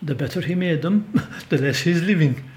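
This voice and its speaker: A man's voice: fairly high pitch, normal speed, darkish tone. An older Irish man with a Kerry accent, telling rambling, emphatic anecdotes as an interview guest in the back of a pub. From Ireland. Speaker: storyteller and folklorist guest. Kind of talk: relaxed conversational storytelling.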